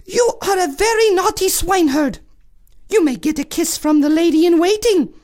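A woman voicing a haughty, bossy young princess in a told fairy tale, with a shrill, commanding manner. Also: animated, normal speed, a little mellow.

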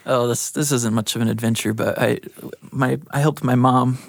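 A man chats as a guest in a modest, hesitant way. His voice has a lot of fry at a medium pitch. The recording is close and dry. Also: fairly even intonation, normal speed, no room sound. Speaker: interview guest. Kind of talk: casual chat.

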